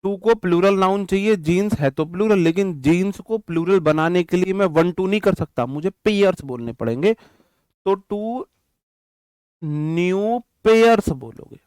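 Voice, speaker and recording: A man's voice: sits high, darkish tone, clear, resonant tone, no echo. Chatty male English teacher. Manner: explains in Hindi mixed with English terms, repeats and counts out examples; addresses students directly, casual and chatty. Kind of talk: online exam-prep lecture.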